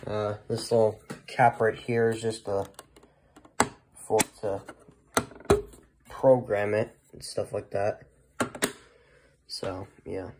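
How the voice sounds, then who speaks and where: This hobbyist vlogger has a lowish voice that barely moves in pitch, and there's a lot of background noise. He's casually presenting his weather radios off the cuff, stumbling and wandering as he talks.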